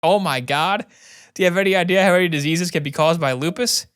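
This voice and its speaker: A man's voice: high voice, fast talker, fairly bright tone, smooth, pitched above the performer's own voice. A man voicing a melodramatic injured teenage girl who is a patient in a video game. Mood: overdramatic. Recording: music behind the voice.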